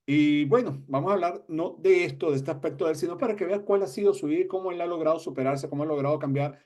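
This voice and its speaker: A man's voice: a little high, fast talker, darkish tone. A man hosting an interview, greeting his audience and asking his guest a string of questions. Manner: welcoming, asks questions in a row. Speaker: interview host.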